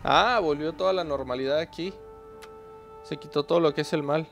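A man's voice: a little high, normal speed, creaky, faint music behind. A man chatting casually to viewers while playing a game, talking to himself and to creatures on screen. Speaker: gaming channel host. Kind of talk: casual gameplay commentary.

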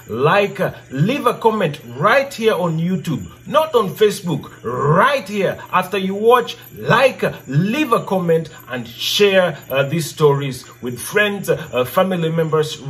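Animated, high-voiced male storyteller. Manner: theatrical, repeats questions, drawn-out emphasis. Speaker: storyteller and channel host. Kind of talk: interactive storytelling, posing riddles to children. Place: indoor room with brick wall backdrop.

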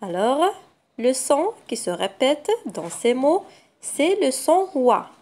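A woman teacher giving a slow, carefully articulated reading lesson to young children, stressing each sound. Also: high voice, very animated, warm tone.

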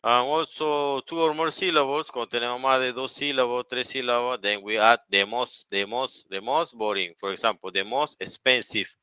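A man's voice: medium pitch, moderate pace, hardly any pauses, sharp tone, clear, resonant tone, no echo, poor audio. A man with a Panamanian Spanish accent teaching English grammar, mixing English and Spanish and checking often with "okay?" and "¿verdad?". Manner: speeds up for Spanish translations. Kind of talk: bilingual online grammar lesson.

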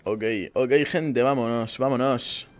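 A man's voice: mid-range voice, fairly even intonation, unhurried. A man with an accent from Spain hosting casual gameplay commentary, informal and sweary, often repeating words. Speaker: gaming channel host. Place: indoor room at a gaming setup.

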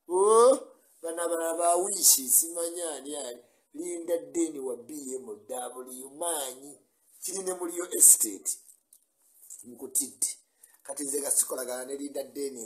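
A man's voice: fairly high pitch, a little mellow, rough recording. An older man from Uganda chatting on a live stream in a small room, greeting viewers by name and laughing often, recorded on a webcam in front of him. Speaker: vlogger. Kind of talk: casual live-stream chat. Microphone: webcam or phone in front.

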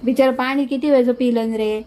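A woman's voice: high-pitched, fairly even intonation, moderate pace, mellow, rough recording. A woman with a Marathi accent narrating a casual home pet vlog on her phone, chatting to viewers and scolding and coaxing her dog. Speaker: pet vlogger.

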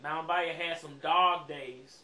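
A man's voice: a little high, steady tone, takes it slowly, bright, forceful tone. A man asking casual questions as an interviewer in a living room. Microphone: camera in the room. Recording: echoey room, faint noise.

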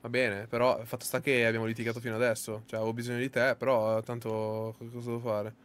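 A man streaming live in casual chat, teasing and joking with a sly deadpan manner after having a bit to drink. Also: medium pitch, fast, a little hiss or hum. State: a bit tipsy.

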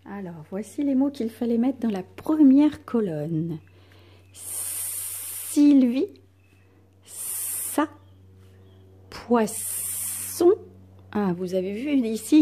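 Teacher, female, recorded home lesson for children: slow, mellow, slightly husky delivery, sounds drawn out. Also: on the high side. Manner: slow, clearly articulated, stretches out sounds. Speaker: primary school teacher. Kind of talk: recorded reading lesson for young pupils.

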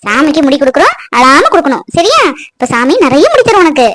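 A young woman playing a sharp-tongued but caring village wife in a family drama skit. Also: high-pitched, sing-song, fast. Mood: coaxing. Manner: sharp-tongued, teasing and scolding.

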